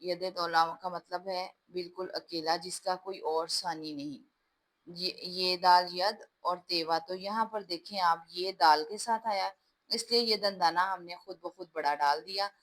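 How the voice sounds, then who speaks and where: Woman teacher going through letters slow and patient, kinda low voice. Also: steady tone, fairly bright tone, poor audio. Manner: patient, explanatory, slows down to spell letters. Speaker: Urdu teacher. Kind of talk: classroom lesson, spelling out words letter by letter.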